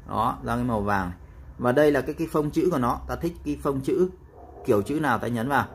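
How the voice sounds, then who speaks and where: A man explaining a phone app step by step in a casual tutorial, with frequent pauses and fillers. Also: mid-range voice, a little hiss or hum.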